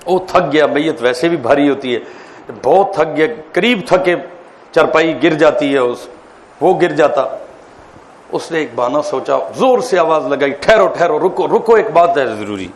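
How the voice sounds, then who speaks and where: A man, a mufti, giving an animated classroom lecture on public speaking, quizzing his listeners and telling jokes. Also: a little high. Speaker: mufti teaching a course. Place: lecture hall.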